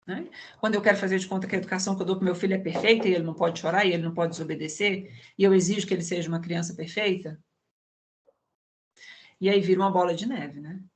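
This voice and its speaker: A woman's voice: lowish voice, fairly even intonation, fast talker. A woman psychologist in an online conversation, explaining with everyday examples and frequent tag questions over a video call.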